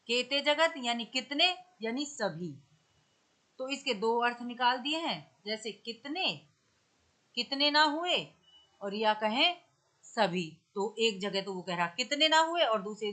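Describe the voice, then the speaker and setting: Bright-voiced woman teaching a class. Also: fairly high pitch. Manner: explains step by step, recites verse slowly. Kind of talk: exam-prep grammar lesson.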